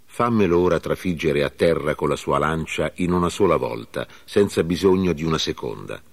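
An eager soldier urging to strike, read by a man. The voice is low and deep, with a solemn reading tone. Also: lively intonation, normal speed, full character voice.

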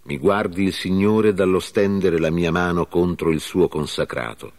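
A man's voice: low-pitched, fairly even intonation, moderate pace, darkish tone. A man reading the part of an earnest young warrior, declaiming in a solemn way.

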